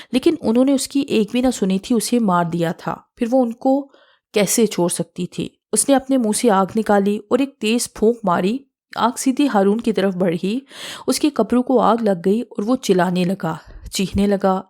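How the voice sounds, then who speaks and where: A woman storyteller reading a horror love story aloud in a steady, expressive way. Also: medium pitch. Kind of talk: audiobook horror narration.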